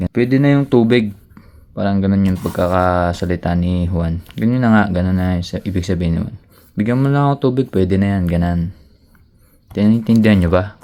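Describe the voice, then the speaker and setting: A man's voice: sits low, warm tone. A man giving a casual, joking grammar lesson, switching between languages to read out example sentences. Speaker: language teacher.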